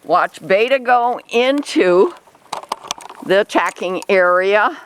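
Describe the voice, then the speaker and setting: A woman hosting a casual vlog, training an alpaca outdoors and softly reassuring the animal as she explains each step. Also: medium pitch, expressive, slow pace, slight background noise, poor audio. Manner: soothing repeated reassurances to an animal. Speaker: alpaca trainer and show host. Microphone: camera mic, handheld at times.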